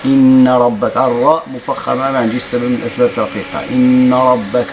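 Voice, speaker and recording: A man with a Moroccan accent teaching tajweed, stretching out recited words slowly, then explaining quickly in Moroccan dialect. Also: mid-range voice, level tone, noisy background. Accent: Moroccan Arabic. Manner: alternates drawn-out chanted recitation with quick explanations. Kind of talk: tajweed lesson with slow demonstrative recitation.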